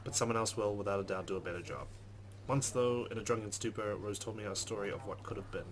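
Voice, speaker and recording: In a lowish voice and at a quick pace, a male let's-play host dramatically reads out the game's text and adds dry remarks. Faint noise sits in the background.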